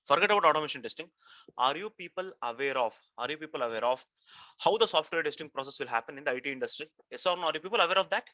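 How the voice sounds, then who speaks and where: A software testing instructor with an Indian accent teaches a live online class, his voice a little high, expressive and racing, with a sharp tone and no room sound. He repeats himself and keeps prompting students with questions, working through things in an emphatic, step-by-step way.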